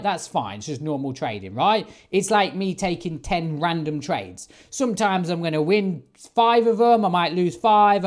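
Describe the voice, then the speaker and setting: A man trading forex, giving an emphatic, casual vlog monologue and often checking in with "right?". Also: high voice. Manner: emphatic, keeps asking "right?". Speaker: forex trader.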